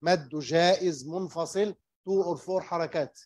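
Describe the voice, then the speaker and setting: A man teaching Quran recitation rules, explaining slowly and patiently in English and demonstrating the recitation, repeating each term. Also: a little high, a little mellow, no room sound. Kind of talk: slow tajweed lesson, mixing English and Arabic. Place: small mosque classroom.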